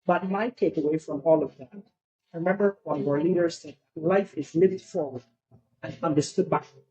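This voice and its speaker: A man's voice: on the high side, normal speed, warm tone, rough recording. A middle-aged man from Barbados, a podcast guest talking in a reflective, philosophical way in casual conversation.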